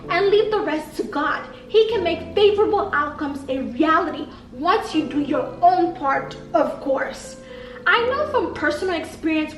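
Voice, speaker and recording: A woman with a high voice delivers scripted vlog tips in a direct, instructive manner. She is recorded in an echoey room at some distance from the mic, with music behind her. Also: fairly bright tone. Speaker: vlogger sharing surgery recovery advice. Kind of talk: scripted narration of personal tips.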